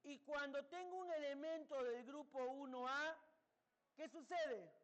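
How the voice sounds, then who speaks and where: A man's voice: very high-pitched, measured pace, fairly bright tone. A male chemistry teacher lecturing a class, asking students questions and answering them himself.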